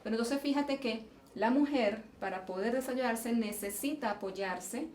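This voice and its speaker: Speaking with a Venezuelan Spanish accent, this woman, a geological engineer, gives considered interview answers full of restarts and repeated words. Her voice is on the high side and a little mellow, at normal speed, recorded from a distance in an echoey indoor venue with faint noise.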